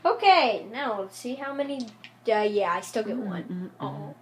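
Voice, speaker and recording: A woman's voice: mid-range voice, big pitch swings, measured pace, slight background noise. A woman playing a board game in a casual chat, playful and given to theatrical exclamations.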